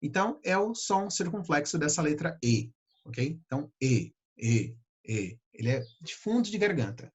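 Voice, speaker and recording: A Brazilian man teaching English pronunciation, patiently repeating sounds slowly to demonstrate them. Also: on the high side, lively intonation, husky. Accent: Brazilian Portuguese. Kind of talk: pronunciation lesson.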